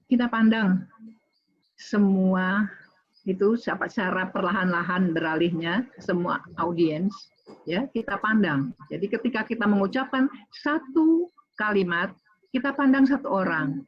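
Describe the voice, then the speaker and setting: A middle-aged woman giving an online lecture on public speaking, talking straight to her listeners, with many fillers and restarts. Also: a little high. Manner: many fillers and restarts, addresses audience directly. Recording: slightly dull lo-fi audio.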